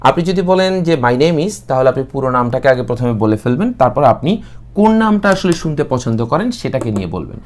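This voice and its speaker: A young man with a Bangladeshi accent teaching an English class, explaining steadily and slowing right down for model sentences. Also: mid-range voice, sing-song, darkish tone. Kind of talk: online English class, mixing Bengali and English.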